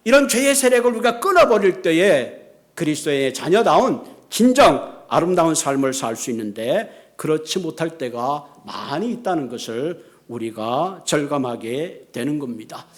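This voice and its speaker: An earnest male pastor preaching a sermon, his voice sitting fairly high for a man. He leans into key words with emphasis and builds toward his points. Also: big pitch swings, moderate pace.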